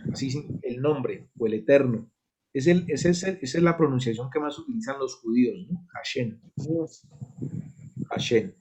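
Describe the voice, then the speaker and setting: Teaching a Bible study at church, a man with a Colombian Spanish accent walks the class through the material step by step, checking in with "¿sí?" along the way. His voice sits in the mid range, darkish in tone and slightly rough.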